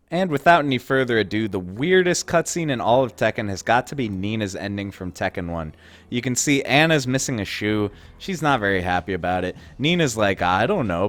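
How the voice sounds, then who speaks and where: A young man hosts a gaming video, offering casual, wry commentary over the footage and laughing, amused, at the absurd moments. His voice sits on the low side with a slightly bright quality.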